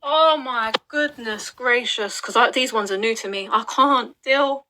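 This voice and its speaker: A woman's voice: on the high side, measured pace, bright, forceful tone. A woman giving an upset, urgent commentary to her viewers, swearing and pressing her points. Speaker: video blogger. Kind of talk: live commentary on online records.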